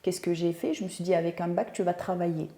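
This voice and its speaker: A woman's voice: lowish voice, fairly even intonation, quick pace, mellow. A woman, a guest telling her story in a casual interview, thoughtful and searching for words. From Tunisia. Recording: roomy echo.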